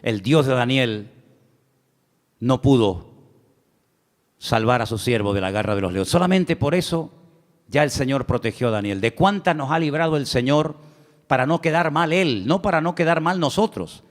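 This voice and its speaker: A man's voice: animated, normal speed. A middle-aged man preaching a sermon, telling stories and addressing the congregation as brother. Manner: storytelling preacher who addresses listeners as brother and swings his pitch widely. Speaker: pastor. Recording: long hall reverb.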